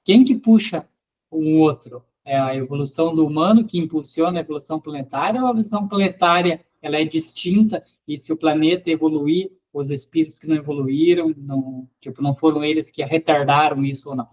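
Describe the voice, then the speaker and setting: A man's voice: fairly high pitch, a little fast, darkish tone. Man asking, muffled sound. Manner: inquisitive, poses questions. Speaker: study group participant. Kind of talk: religious study group discussion.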